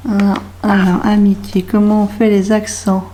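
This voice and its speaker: A woman's voice: mid-range voice, little pitch movement, moderate pace, dark tone, a little hiss or hum. A French woman, a craft vlogger, thinking aloud as she tries out a label maker, hesitant and puzzled, muttering to herself. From France. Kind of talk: thinking aloud while trying a device.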